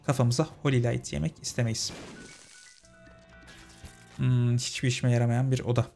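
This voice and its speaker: A young man commentates his game run, chatty and talking to his viewers like friends. His voice sits at an ordinary middle pitch. Soft game music plays underneath. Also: level tone, moderate pace, creaky. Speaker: gaming channel host. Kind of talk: casual let's-play commentary.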